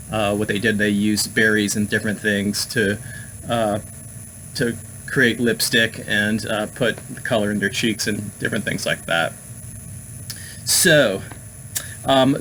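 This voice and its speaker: A man's voice: fairly low pitch, a bit bright, a little hiss or hum, low-quality recording. A man hosting a casual talk on the occult, meandering with many fillers and restarts. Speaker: host.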